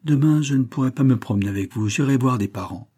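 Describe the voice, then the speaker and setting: A man's voice: mid-range voice, fast, mellow, voice pushed up, natural voice. A man reading an audiobook, voicing a reserved young woman who speaks briefly and hesitantly.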